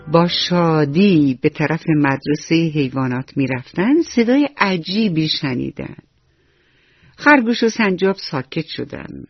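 Playful guy telling kids a bedtime story, high voice, bit husky, dry dull radio sound, soft music behind. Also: dry recording. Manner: gentle, playful, addresses the children directly. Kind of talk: bedtime story narration for children. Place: radio studio.

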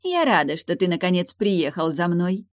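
A woman's voice: fairly low pitch, very animated, normal speed, no echo, studio quality. A woman voicing a spoiled, haughty young noblewoman who whines and pouts, in a read-aloud novel. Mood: capricious. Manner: capricious, whining.

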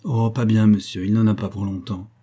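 A man's voice: fairly low pitch, fairly even intonation, brisk, warm tone, slightly rough. A man voicing a deferential male household servant.

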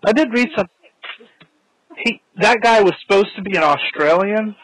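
A man's voice: high voice, moderate pace, fairly bright tone, low-quality recording. A man hosting a casual podcast, chatting about a show while watching it and laughing at his own jokes. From United States. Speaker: podcast host.

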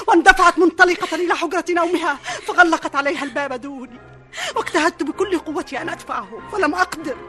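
A woman's voice: sits high, pushed and bright. An actress playing a grieving loyal servant of the queen in a classic radio drama, lamenting through tears. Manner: sobbing, lamenting narration.

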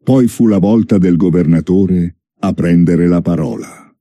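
A man reading a story as narrator, in a measured, deliberate way. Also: deep voice, mellow, no echo, studio quality.

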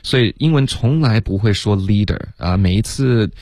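A man teaching English on a radio lesson, patiently explaining pronunciation step by step and demonstrating sounds slowly. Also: fairly low pitch, animated, a little mellow, no echo, studio quality. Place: radio studio.

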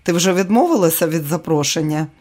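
A man's voice: a little high, animated, fairly quick, darkish tone. A man voicing a weary, wry aging comedian. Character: tired aging man, famous comedian, joking husband. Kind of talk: audiobook character reading.

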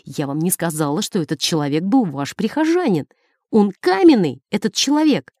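A woman's voice: lowish voice, big pitch swings, moderate pace, a little mellow, no echo, studio quality. A woman voicing a pale, agitated nun who pleads urgently and hisses with prim indignation, as in an audiobook. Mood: indignant. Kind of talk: audiobook character voice.

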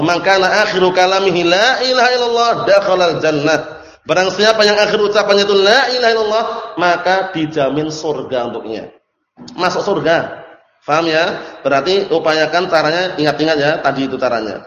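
A man's voice: fairly high pitch, a bit bright. A man giving a religious study lecture, asking his audience questions and answering them himself, often checking that they understand. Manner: repeats phrases and checks understanding. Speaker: Islamic teacher. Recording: echoey hall, dull lo-fi sound.

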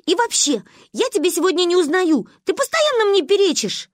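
A woman's voice: sing-song, fairly quick, dry recording, heavily acted. A stubborn, hot-tempered little girl squeals her complaints, as a woman reading a story puts her on. The voice sits far above an adult's and swings up and down. It is close and dry, with no room sound. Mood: indignant. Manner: shrill, indignant shouting. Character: bossy stubborn little girl, quick to anger.

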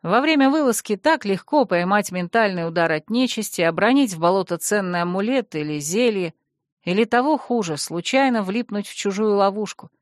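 A woman reads a first-person fantasy audiobook in a measured, expressive way. Her voice sits at a middling pitch, and the sound is dry and close, with no room around it. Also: dry recording. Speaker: audiobook narrator.

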